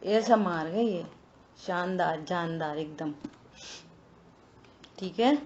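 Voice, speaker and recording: A woman leading a religious scripture study in a lively conversational way, asking rhetorical questions and teasing her listeners. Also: on the low side, slow pace, slight background noise. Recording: dull lo-fi recording.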